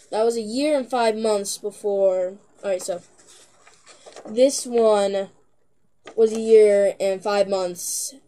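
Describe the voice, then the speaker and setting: A young teenage girl chatting to her camera in a loose, rambling vlog, with plenty of filler words and giggles. She talks slowly, in an unhurried drawl. Her tone is soft and mellow rather than bright. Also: mid-range voice. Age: young teen. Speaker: vlogger. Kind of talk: casual chat to camera.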